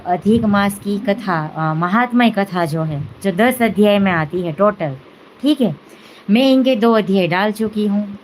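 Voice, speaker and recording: A woman hosts a devotional live stream from home, chatting casually and leaning on fillers and little "है ना" asides. Her voice sits at an ordinary middle pitch for a woman, and a faint ambient hum runs behind her. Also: rough recording. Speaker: devotional channel host.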